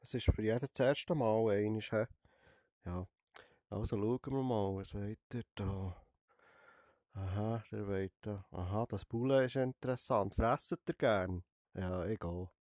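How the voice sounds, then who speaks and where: With a cold, a young Swiss-accented man plays a VR barber game on stream, staying playfully in character and teasing with a tacked-on "hä?". His voice sits on the low side, steady in tone, a little slow and a little mellow, recorded in the studio without echo.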